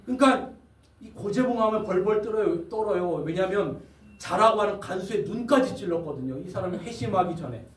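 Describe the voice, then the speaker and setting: A man's voice: high-pitched, expressive, a little fast. A male pastor telling a story in a sermon, acting out the people in it with drama. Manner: dramatic storytelling, acts out quotes. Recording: echoey hall from far off.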